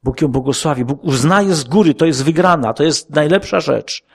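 A man preaching an earnest sermon to his congregation, asking rhetorical questions and dropping his voice low for quoted words. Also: expressive, moderate pace, breathy edge.

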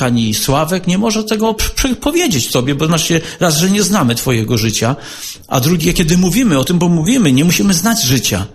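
Animated man preaching, repetitive questions. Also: on the high side. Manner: repeats rhetorical questions, swings between loud and soft; earnest, exhorting. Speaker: lay preacher. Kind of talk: sermon.

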